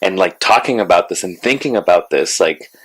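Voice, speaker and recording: A man's voice: deep voice, lively intonation, brisk, slightly rough, poor audio. A man co-hosting a casual lunchtime chat, playful and sassy, swearing freely. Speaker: podcast co-host; artist.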